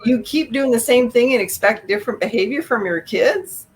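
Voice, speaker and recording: A woman's voice: a little high, lively intonation, normal speed, slight background noise, low-quality recording. A middle-aged woman, an author taking questions in a live video interview, speaking frankly and with strong opinions. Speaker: author guest. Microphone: video call.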